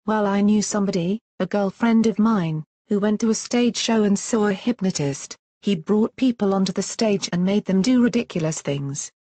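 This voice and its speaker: A woman's voice: mid-range voice, moderate pace, hardly any pauses, warm tone, dry recording, lightly acted. Synthetic woman as a wary, curious questioner. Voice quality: synthetic, stilted. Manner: earnest, questioning.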